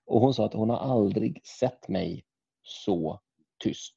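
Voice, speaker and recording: A man, chatting casually in a gentle, reflective way. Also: fairly low pitch, vocal fry, husky, dry recording. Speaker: podcast co-host. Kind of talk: casual chat. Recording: dull lo-fi sound.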